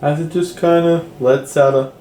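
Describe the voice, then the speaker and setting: A man's voice: on the high side, steady tone, moderate pace, dark tone. A man running a tabletop game as game master, narrating casually with fillers. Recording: roomy echo, faint background noise.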